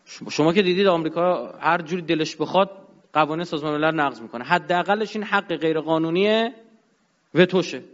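A man giving an emphatic religious and political lecture to an audience, his voice jumping up and dropping low. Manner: emphatic, rising and dropping sharply. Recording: dull sound in a long-reverb hall.

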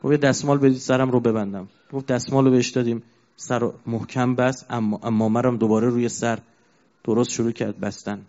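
A man preaching a mourning sermon, telling a sad story as a grieving storyteller who chants verses slowly. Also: medium pitch, fairly even intonation, darkish tone. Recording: dull lo-fi recording.

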